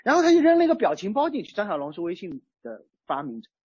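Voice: mid-range voice, wildly swooping pitch, quick pace, a little mellow, breathy edge, dry recording, dull audio. A preacher giving a sermon in a conversational way, using everyday examples. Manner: conversational, uses everyday chat-group analogies. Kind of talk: sermon on a psalm.

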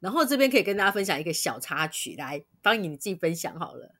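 A woman with a Taiwanese Mandarin accent hosting a podcast in a casual chat, lively and agreeable, often chiming in with quick agreement. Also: lowish voice. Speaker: podcast host.

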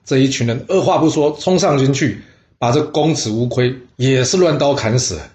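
A man telling a historical tale in an animated, chatty way, with asides to listeners. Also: medium pitch, normal speed. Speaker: storyteller. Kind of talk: lively historical storytelling. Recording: roomy echo.

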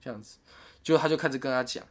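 Fast-talking man. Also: medium pitch. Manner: animated retelling with quoted voices and laughs. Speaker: storyteller in a chat. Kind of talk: casual chat.

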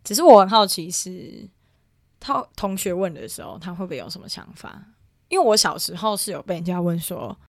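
A woman's voice: fairly low pitch, lively intonation, fairly quick, dry recording, studio quality. A young woman from Taiwan telling a personal family story in casual chat, rambling with many fillers and restarts. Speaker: guest.

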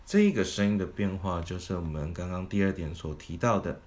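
A man's voice: sits low, steady tone, brisk, a little mellow. A man teaching a singing lesson, explaining vocal technique methodically, step by step. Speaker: vocal coach.

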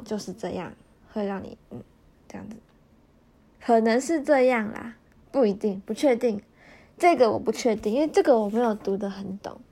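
A woman's voice: mid-range voice, mellow. A woman podcast host casually sharing thoughts on a book, her articulation slightly off from wearing dental braces, often repeating and rephrasing as she explains.

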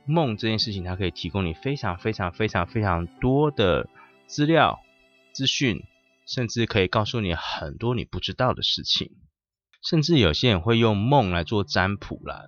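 A man hosts a podcast, telling a story and reflecting in a conversational, emphatic manner. His voice is fairly low but rises and falls a lot. The recording sounds muffled, with faint music underneath. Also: a bit bright. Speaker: podcast host. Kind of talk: storytelling monologue on dreams.

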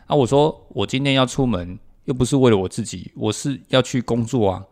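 Fast-talking man, teasing. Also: mid-range voice, darkish tone. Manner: teasing, joking interjections. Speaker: podcast co-host and father. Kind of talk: casual chat.

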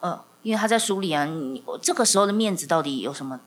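A woman's voice: lowish voice, quick pace, a crowd in the background. A woman, a podcast host telling stories in casual conversation and acting out dialogue. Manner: animated, acts out dialogue with frequent laughter. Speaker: podcast host and communication teacher.

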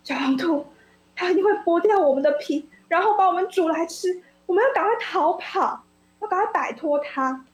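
A woman's voice: high-pitched, moderate pace, hardly any pauses, echoey room, lightly acted, low-quality recording. A woman voicing a frightened little frog in a children's story, reading with panicky urgency. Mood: panicked.

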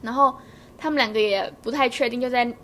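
A woman's voice: on the high side, a little fast, fairly bright tone, a little hiss or hum. A woman, co-hosting a podcast, chatty and agreeable in casual storytelling. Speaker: podcast co-host.

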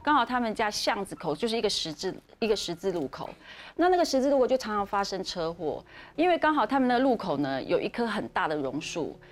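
A woman's voice: mid-range voice, sing-song, quick pace. A woman, hosting a podcast and dramatically telling a ghost story, with frequent fillers and restarts. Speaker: podcast host. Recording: podcast with music underneath.

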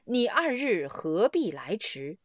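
A woman voicing a gruff old male immortal who scolds and tests a young man, in lofty old-fashioned speech. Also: medium pitch, big pitch swings, slow, no room sound. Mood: stern.

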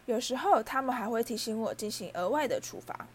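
Woman doing a shrill servile house-elf. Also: lively intonation, a little fast, a little hiss or hum, natural voice. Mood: anxious. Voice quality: high and shrill. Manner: humble, keeps saying sir. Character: small servile male house-elf, tearful and excitable. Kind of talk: storybook reading.

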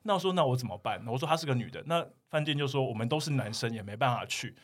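Fast-talking man telling stories. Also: mid-range voice. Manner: animated storytelling, quotes people in dialogue. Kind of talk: casual podcast chat.

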